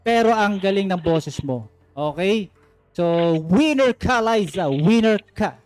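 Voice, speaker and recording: Running a live-streamed singing contest with phone-in callers, this male host and judge gives warm coaching notes, sprinkles in English phrases and keeps asking "okay?" His high-pitched, darkish voice has lively intonation but moves at a slow pace.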